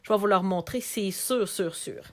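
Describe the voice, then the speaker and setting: A woman's voice: medium pitch, moderate pace. A middle-aged woman with a Québécois French accent, chatting live to viewers while showing craft products for sale. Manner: chatty, animated, talks to viewers directly. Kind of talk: live video sales chat.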